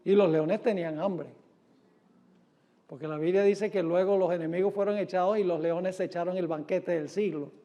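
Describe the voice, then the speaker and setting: A man preaching a sermon who reads scripture aloud with dramatic, drawn-out emphasis and asks his listeners rhetorical questions. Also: high-pitched, steady tone, dark tone, lo-fi sound.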